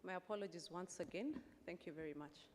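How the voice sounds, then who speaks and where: A woman's voice: fairly low pitch, brisk. A woman giving a formal, polite podium speech as master of ceremonies at a conference. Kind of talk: formal event announcing. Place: large conference hall, public address. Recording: echoey hall, clear background noise.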